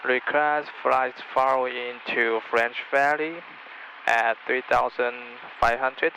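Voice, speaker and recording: A man with a bright, creaky voice makes hesitant radio calls as a student pilot. His pitch stays fairly flat, and the headset sound carries cockpit noise. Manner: halting, hesitant. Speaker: student pilot on first solo cross-country flight. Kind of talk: aviation radio communication with ground control. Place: inside a small Cessna cockpit. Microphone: aviation headset. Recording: noisy aircraft cockpit radio.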